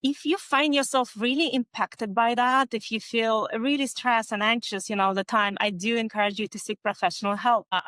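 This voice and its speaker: A woman's voice: a little high, fairly even intonation, a little fast, hardly any pauses, dry recording. A woman giving advice as a panelist, in a conversational manner with casual fillers. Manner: warm, conversational, fillers like "you know".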